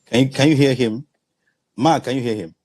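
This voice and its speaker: Husky man moderating. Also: mid-range voice, darkish tone, no room sound. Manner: brisk, directive. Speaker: meeting moderator. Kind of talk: moderating an online meeting.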